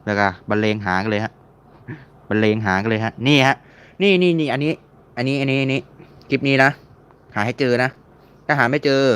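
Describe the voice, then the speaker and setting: A man's voice: mid-range voice, fairly bright tone, clear, resonant tone. A man giving a casual, screen-recorded tutorial, chatting and repeating words while he searches and clicks. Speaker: mobile game modding tutor.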